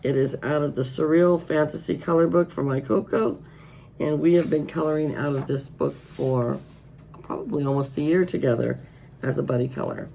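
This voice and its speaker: A middle-aged American woman hosts a casual vlog in a hoarse, stuffed-up voice. There is a strong gravelly creak in her speech. A faint noise sits behind her as she talks indoors at a table. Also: low-pitched, steady tone, normal speed, dark tone, poor audio. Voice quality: froggy, hoarse. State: congested with allergies. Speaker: host of a colouring channel.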